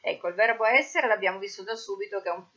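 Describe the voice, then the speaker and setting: A woman's voice: mid-range voice, fairly bright tone, husky, highs cut off. A woman with an Italian accent teaching English verbs, drilling each form methodically. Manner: slow, methodical drilling of verb forms. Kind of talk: recorded grammar lesson.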